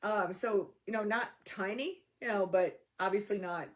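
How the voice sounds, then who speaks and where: A woman's voice: medium pitch, normal speed. A woman co-hosting a casual chat, talkative and laughing often, her voice a little worn. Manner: chatty, laughs often, many fillers and restarts. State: slightly losing her voice. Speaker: podcast co-host.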